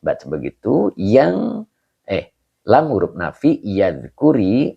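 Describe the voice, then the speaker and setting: A man's voice: deep voice, gravelly, dark tone, breathy edge, highs cut off. A man teaching an online Arabic grammar lesson as a religious teacher, patiently explaining and answering students by name over a video call.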